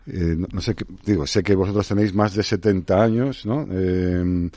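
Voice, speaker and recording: A man in his sixties with a Spain Spanish accent, speaking as a guest on a radio interview. His voice sits very low and mellow, recorded close and dry in the studio. He reflects aloud, pausing and restarting as he weighs his points. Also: no room sound. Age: 60s. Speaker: guest, advertising expert.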